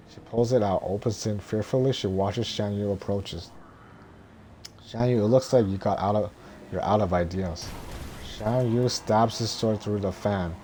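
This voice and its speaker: Male script reader, low and dark, monotone droning delivery, halting, slightly noisy recording. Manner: halting, stumbling over words. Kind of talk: scripted narration, reading a film script.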